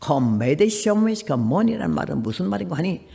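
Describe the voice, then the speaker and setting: Older woman, preacher, gravelly voice, sermon storytelling, long hall echo. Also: on the low side, sing-song, slow pace. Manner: storytelling, dramatic swings between soft and loud. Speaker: missionary preacher.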